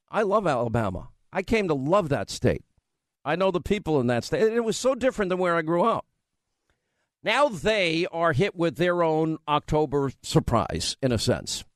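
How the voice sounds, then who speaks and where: A man's voice: a little high, very animated, normal speed, dry recording. A man from New York with a New York accent, hosting a political talk radio show in an emphatic, conversational way full of rambling asides.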